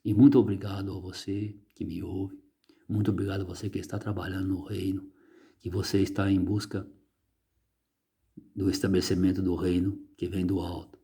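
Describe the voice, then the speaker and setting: Emphatic man preaching. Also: level tone. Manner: emphatic, rising and slowing on key words; soft, low and quiet when closing. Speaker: religious teacher. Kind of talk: reading and preaching on religious writing.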